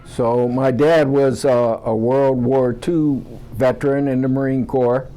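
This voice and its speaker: A man in his seventies from Ohio, telling his own memories in an interview in a plainspoken, halting way. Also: mid-range voice, little pitch movement, warm tone, soft background music. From Cleveland, Ohio, USA. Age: 70s. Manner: plainspoken, halting with many uhs. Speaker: veteran interviewee.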